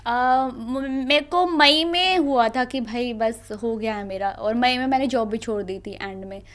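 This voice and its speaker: A young woman in her twenties, a student guest, casually telling a lively story and acting out her family's words. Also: fairly high pitch, unhurried. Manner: animated, laughing storyteller who acts out family dialogue.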